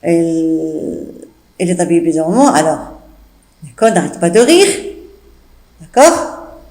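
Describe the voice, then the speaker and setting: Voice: mid-range voice, very animated, measured pace, a little mellow. A French teacher patiently explaining a text and its old words to pupils, often checking they follow. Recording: echoey room.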